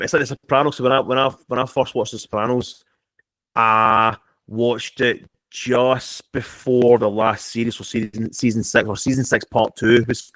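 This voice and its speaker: A man's voice: lowish voice, a bit bright, no echo. A man chatting casually about TV shows on a podcast, rambling and restarting his sentences, laughing as he talks. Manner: rambling, lots of restarts, laughs while talking. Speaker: podcast guest or co-host. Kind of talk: casual chat about TV and film.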